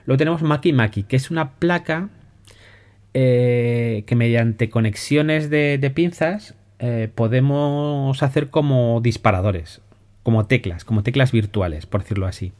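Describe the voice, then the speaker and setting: A man with a Spain Spanish accent hosts a podcast, explaining educational software in a casual, conversational way, often restarting phrases and checking in with listeners. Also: mid-range voice, measured pace. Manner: relaxed, conversational, many restarts and "¿vale?" checks.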